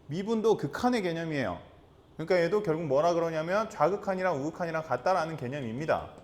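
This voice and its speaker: A man teaching a high school math lesson, repeating key terms and asking the class rhetorical questions. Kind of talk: classroom lecture.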